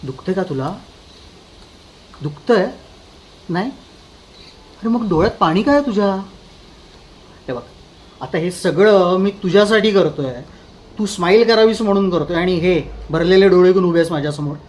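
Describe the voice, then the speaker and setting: A man's voice: high voice, normal speed, pauses often, lightly acted. A man playing a coldly menacing husband. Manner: soft, taunting menace that turns to sharp outbursts. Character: controlling, menacing young husband, coldly cruel. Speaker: actor in an audition. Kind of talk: dramatic monologue.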